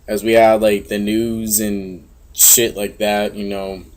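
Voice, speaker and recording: A young man from Florida with a monotone voice, giving laid-back, casual gameplay commentary full of fillers and offhand swearing. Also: lowish voice, slow. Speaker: game commentator.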